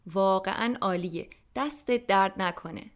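A woman's voice: medium pitch, lightly acted. A woman voicing Tom, a polite, appreciative male dinner guest, in a scripted language-lesson dialogue. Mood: pleased. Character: friendly adult man, a dinner guest.

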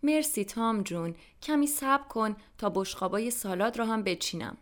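A woman narrating a scripted language-lesson dialogue and voicing an insistent, hospitable hostess. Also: a little high.

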